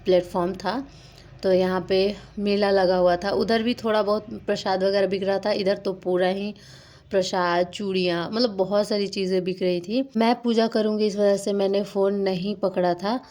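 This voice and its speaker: A woman's voice: medium pitch, steady tone, moderate pace, darkish tone. A young adult woman narrating a casual vlog in a chatty, rambling way with lots of fillers. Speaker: vlogger.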